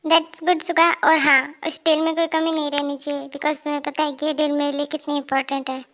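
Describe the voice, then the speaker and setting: A cheeky young company boss who barks orders at his assistant and whines like a baby to his mother, voiced by a woman in a fan audio drama. The voice sits very high. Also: level tone, a little fast, a bit bright. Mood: bossy. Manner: bossy at work, pleading and babyish with his mother.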